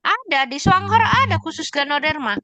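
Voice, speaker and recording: A woman's voice: very high voice, expressive, normal speed, sharp tone, no room sound. A woman doctor answering questions in an online session, explaining in an emphatic way and listing examples.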